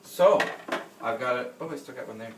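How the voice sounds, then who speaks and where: A man's voice: medium pitch, lively intonation, fairly quick, distant mic. A man talks casually while he cooks, rambling and joking at his own expense. He is recorded in a home kitchen on a camera mic across the room. The sound echoes, and noise runs steadily behind his voice. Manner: rambling, self-deprecating, laughs often. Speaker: home cooking vlogger. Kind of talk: casual chatty cooking vlog.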